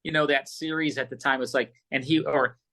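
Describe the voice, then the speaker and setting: A middle-aged American man, a radio host and producer appearing as a podcast guest, answers casually yet earnestly and emphatically, often repeating phrases. His medium-pitched voice is steady, brisk, bright and forceful.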